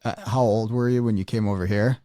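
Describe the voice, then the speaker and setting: A man hosting a podcast, reading sponsor spots and chatting with a guest in a relaxed, conversational way. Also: lowish voice, fairly quick, no room sound, clean studio sound. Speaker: podcast host. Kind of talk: casual podcast interview.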